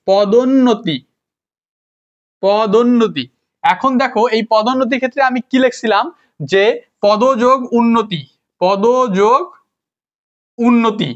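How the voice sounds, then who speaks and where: A man's voice: very high voice, a bit bright. A man teaching a grammar lesson to students, repeating words, asking rhetorical questions and correcting his own slips. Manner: self-correcting, apologizes for slips. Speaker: grammar tutor. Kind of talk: informal classroom lesson, addressing students. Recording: dull lo-fi recording.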